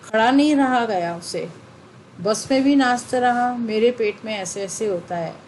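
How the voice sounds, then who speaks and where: A flustered father anxiously explains how his young son fell ill, as a woman reads his lines from a school play. His words come slowly, in a fairly high voice. It is a simple read-aloud part. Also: a little mellow, slight background noise, natural voice, rough recording. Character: anxious father of a sick boy.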